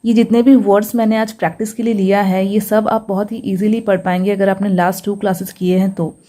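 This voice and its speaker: Patient woman teacher with a mellow voice. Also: medium pitch, level tone. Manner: patient, sounds out each syllable slowly, says "ठीक है" often. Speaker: English reading teacher. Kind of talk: step-by-step phonics lesson.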